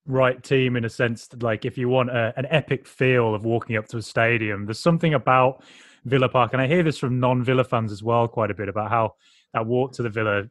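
A man hosting a podcast, asking relaxed, chatty questions. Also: medium pitch, brisk, no room sound, studio quality. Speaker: podcast host. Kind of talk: casual interview chat.

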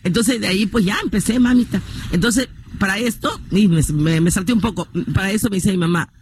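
A woman in her fifties with a Mexican coastal accent, telling her life story in a lively, earthy way, swearing freely and acting out other people's voices. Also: mid-range voice, brisk, a little hiss or hum. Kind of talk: casual storytelling interview.

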